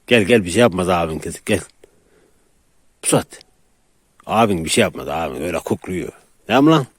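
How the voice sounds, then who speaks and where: Low-voiced man coaxing dogs outdoors. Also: lively intonation, fairly quick, no echo. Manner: coaxing, chuckling, calls dogs in a hushed voice. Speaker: dog owner filming his dogs. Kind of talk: casual vlog talking to dogs and viewers. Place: outdoors in a rural yard.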